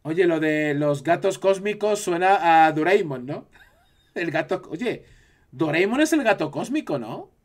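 A man's voice: fairly high pitch, lively intonation, a little slow. A man from Spain with a Spanish accent, chatting casually on a live stream and reacting to his chat.

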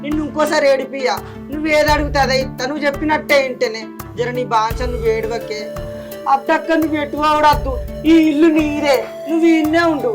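A woman's voice: high voice, quick pace, over music, lightly acted. A woman playing a young village man with a Telangana accent, pleading with his sister and apologizing over and over. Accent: Telangana Telugu.

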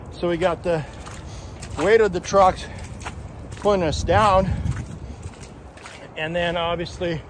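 A middle-aged man narrates a tow job in a plain, step-by-step way, filling pauses with "uh." His voice sits fairly high for a man. It is caught on a handheld phone out on a muddy hillside, with clear engine and wind noise behind him. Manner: plain-spoken, explains step by step with many "uh" fillers. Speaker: tow truck driver. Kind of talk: casual vlog narration. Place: outdoors on a muddy wooded hillside. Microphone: handheld phone camera. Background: truck engines and outdoor noise.

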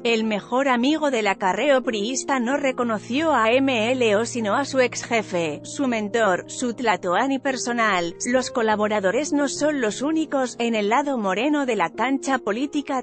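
A woman reading a scripted news voice-over with a wry, sardonic delivery. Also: on the high side. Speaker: news narrator. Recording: faint music bed behind.

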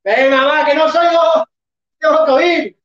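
High-voiced workout coach counting reps, slow and far off the mic in an echoey room. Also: steady tone, dull audio. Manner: counts reps and urges the class on, sometimes shouting. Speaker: fitness instructor. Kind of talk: live online workout class.

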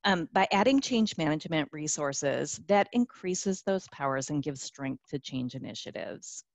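Woman webinar presenter, low-pitched, upbeat and chatty, lots of ums, dry sound. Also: lively intonation, moderate pace, no room sound. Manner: upbeat, with many fillers and restarts. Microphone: conference call line.

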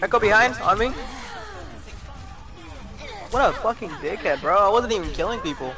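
A man calling out plays to friends during an online game, profane and excitable. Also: high voice, music in the background. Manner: quick call-outs, profane, excitable. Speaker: player. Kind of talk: casual gaming chat.

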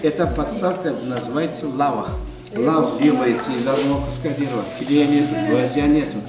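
A man's voice: medium pitch, a little fast, recorded from a distance. A middle-aged man with an Uzbek accent in Russian, demonstrating his craft in short, practised phrases. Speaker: craftsman demonstrating wooden book stands. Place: souvenir shop, indoors. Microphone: camera a few steps away. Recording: echoey busy shop, off mic, music.

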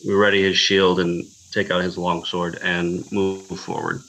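Male tabletop player, slightly low voice, casual and conversational. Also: little pitch movement, unhurried, a bit bright, low-quality recording. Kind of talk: casual game table chat.

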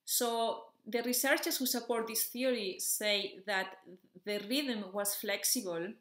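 A woman's voice: mid-range voice, a bit bright. Woman teaching in an echoey room. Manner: clear, methodical, with frequent "okay" and "so" check-ins. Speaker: music educator. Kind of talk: explanatory video lesson.

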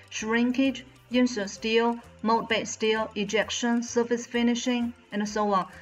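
Representing a mold company as its channel host, a woman from China in her thirties delivers scripted factory-tour narration in careful, Chinese-accented English that is slightly non-native. She speaks in a mid-range, somewhat bright voice, framed medium close by a front-facing camera indoors before a plain bright backdrop.

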